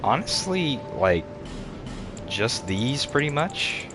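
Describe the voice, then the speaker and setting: A streamer in his thirties with a medium-pitched voice commentates his gameplay slowly and casually over music. Laid-back, he chats with viewers and laughs frequently, with steady background noise throughout.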